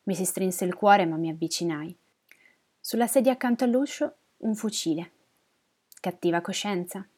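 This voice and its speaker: A woman narrates a first-person story in a measured, somber voice. Her pitch sits in the middle range, and the telling stays steady. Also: breathy edge.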